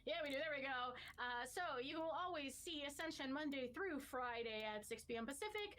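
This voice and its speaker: A woman's voice: high voice, expressive, brisk, a bit bright. A woman hosting a livestream post-show, chatty and upbeat as she reads out viewer questions.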